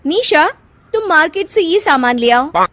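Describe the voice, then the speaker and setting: A woman voicing a spiteful young sister-in-law who talks in a loud, whining, bossy way, for a cartoon. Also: high voice, lively intonation, a little slow, no room sound, pitched above the performer's own voice.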